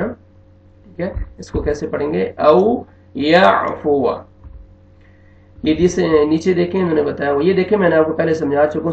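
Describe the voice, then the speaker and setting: Gravelly Quran teacher, echoey lo-fi room. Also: male voice, a little high, darkish tone. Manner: patient, repeats each rule with frequent check-ins. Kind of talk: recorded online lesson. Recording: echoey, dull lo-fi room sound.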